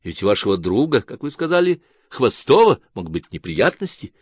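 A man voicing a calm, measured male radio interviewer with a cool, clinical and faintly disdainful manner. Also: mid-range voice, husky, no room sound, clean studio sound. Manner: calm, measured, soft, like a psychiatrist.

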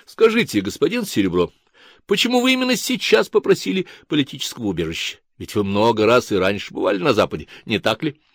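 A man voicing a calm, measured male radio interviewer with a cool, clinical and faintly disdainful manner. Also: mid-range voice, no room sound, clean studio sound. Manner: calm, measured, soft, like a psychiatrist.

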